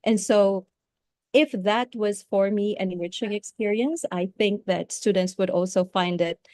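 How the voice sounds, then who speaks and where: A woman's voice: medium pitch, fairly even intonation, a little mellow, dry recording, studio quality. A middle-aged woman from the Philippines with a Philippine English accent, a teacher giving a talk with many restarts. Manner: halting, with many restarts and fillers. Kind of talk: webinar talk.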